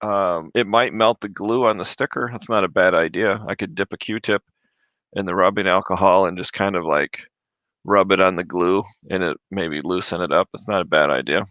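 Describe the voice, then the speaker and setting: Speaking low and at a normal speed, this man from Michigan, USA eats during a laid-back home livestream, reading out comments and fielding viewers' reselling questions. His desk microphone gives a dry, lo-fi, echo-free sound that fades whenever the mic is pulled away.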